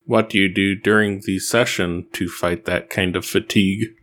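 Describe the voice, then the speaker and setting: A man with a fairly low voice puts short, plain questions to a guest. He keeps each question brief and direct. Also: fairly even intonation, moderate pace, a bit bright. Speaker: interviewer.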